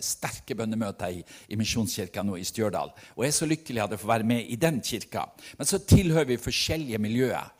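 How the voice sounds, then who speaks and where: A man preaching a sermon, telling stories earnestly and swinging between loud and hushed delivery. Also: on the low side. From Norway.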